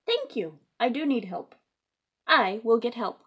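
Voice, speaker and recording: A woman's voice: a little high, lively intonation, unhurried, a bit bright, husky, full character voice. A woman voicing an eager, determined young female pig from a storybook in short, exclamatory sentences. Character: eager, determined, excitable female cartoon piglet.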